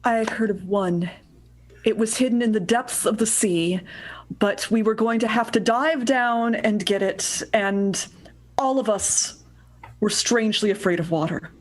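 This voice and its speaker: A woman performing in an improvised comedy scene, playful and quick. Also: mid-range voice.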